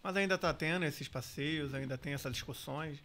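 A man's voice: a little high, moderate pace, bright, forceful tone. A man hosting a podcast, reacting briefly and asking easy questions. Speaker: podcast host. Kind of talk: casual podcast chat.

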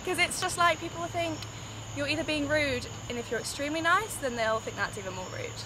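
A woman's voice: sits high, fairly quick. A young woman chatting thoughtfully in an outdoor interview. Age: young adult. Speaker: cheerleader. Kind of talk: casual interview. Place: outdoors by railroad tracks. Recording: outdoor background noise.

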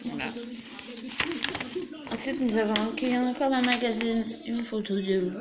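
Young woman, chatty show-and-tell, slightly high voice, dull lo-fi sound, crowd noise behind. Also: steady tone, normal speed. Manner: chatty, leans on fillers like "voilà" and "du coup". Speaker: vlogger showing her fan collection. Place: small room indoors.

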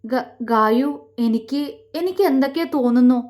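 A woman's voice: high voice, normal speed, a little mellow, natural voice. A woman voicing a playful, stubborn young man with a childlike mind in an audio love story, sometimes stammering. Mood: hesitant. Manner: teasing, stubborn, stammering at times.

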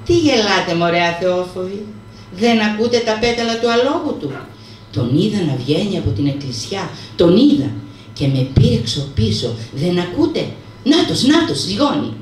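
A woman's voice: animated, darkish tone, slight background noise, close to an everyday voice. A woman reading aloud voices a panicky, terrified man who begs and shrieks as he flees a phantom rider. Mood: frantic. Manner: shrill, frantic pleading. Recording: roomy sound from far off.

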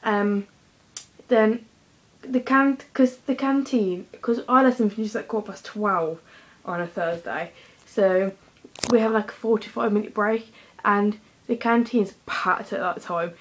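A woman's voice: medium pitch, unhurried, rough recording. A teenage girl talking casually to her own camera in a chatty, rambling vlog with lots of fillers. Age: teens. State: slightly out of breath. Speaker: vlogger. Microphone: handheld device camera.

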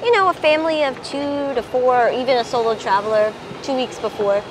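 A woman's voice: sits high, a little fast. A woman with a New York accent, chatting casually as a local guide giving tips outdoors. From Long Island, New York. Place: outdoors, evening streets and harbor overlook. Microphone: clip-on lavalier. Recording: noisy outdoor street ambience.

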